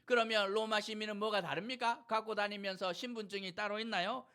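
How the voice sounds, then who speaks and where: A male pastor preaching a sermon, retelling a scene with animated, everyday storytelling. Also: sits high, brisk.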